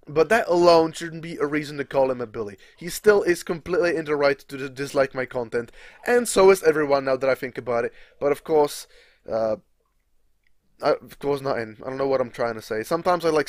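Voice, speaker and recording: Recorded without room sound, a young Czech man with a slightly high voice and a Czech accent casually rambles as he commentates a game. He restarts sentences and swears every so often.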